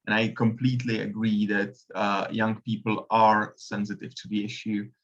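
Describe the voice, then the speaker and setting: A man's voice: on the low side, monotone, moderate pace, fairly bright tone, lo-fi sound. A man from the Republic, speaking hesitantly with many fillers as a panelist in a webinar discussion. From Czech Republic.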